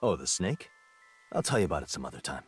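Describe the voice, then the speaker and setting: An actor playing a serious special agent in a game, speaking in an earnest, grave manner. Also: male voice, extremely low pitch, sing-song, fast talker, breathy edge, exaggerated voice. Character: serious male special agent recounting his investigation. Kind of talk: scripted game acting. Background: music.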